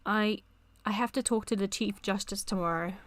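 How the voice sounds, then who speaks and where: A woman's voice: mid-range voice, moderate pace, dry recording, close to an everyday voice. Guilt-ridden young male attorney, anxious, read plainly by a woman with a dry sound. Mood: remorseful. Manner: read aloud from a chat log.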